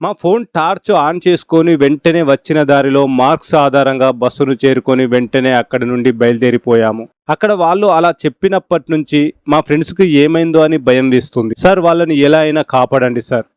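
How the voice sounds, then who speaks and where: A man narrating a horror story, voicing every character himself in quick exchanges of dialogue. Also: mid-range voice, steady tone, darkish tone, smooth, no room sound.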